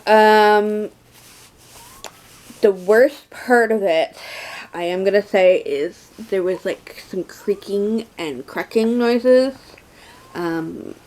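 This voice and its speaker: A young adult woman giving a casual personal update, halting, her speech slurred and lisping from having no teeth. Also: on the low side, a little mellow, low-quality recording. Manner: slow, halting, with many pauses. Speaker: vlogger.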